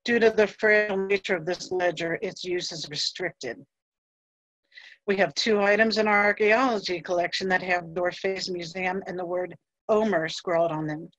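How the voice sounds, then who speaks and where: Measured woman curator reading notes. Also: on the low side, steady tone, fairly bright tone, no room sound, low-quality recording. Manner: measured, reads from notes with occasional fillers. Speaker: museum curator. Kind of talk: scripted museum history presentation.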